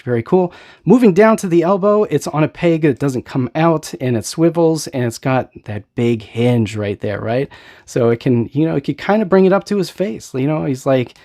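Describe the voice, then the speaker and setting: A man's voice: medium pitch, mellow. A man hosting a casual toy unboxing review, talking with enthusiasm, rambling a little and often asking "right?" as he goes.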